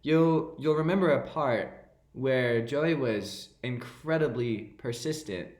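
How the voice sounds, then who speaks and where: A man co-hosting a podcast, teasing his friend with animated, mock-indignant banter. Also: medium pitch, slow pace. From New York. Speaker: podcast co-host. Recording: roomy echo.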